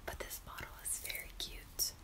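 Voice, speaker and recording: Young woman in playful whispered ASMR. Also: moderate pace. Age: young adult. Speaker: ASMR creator.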